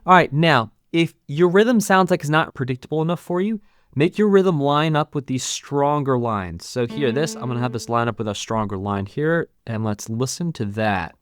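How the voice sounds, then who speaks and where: A channel host walks viewers through a music software tutorial step by step, casually explaining each click as he goes. His voice is medium-pitched and animated, at a normal speed.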